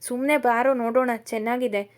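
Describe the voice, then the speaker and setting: A breezy, teasing young best friend, as a woman reads him in a storybook tale. He coaxes and jokes quickly, in a raised, lively voice. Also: fairly high pitch, close to an everyday voice. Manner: breezy, coaxing.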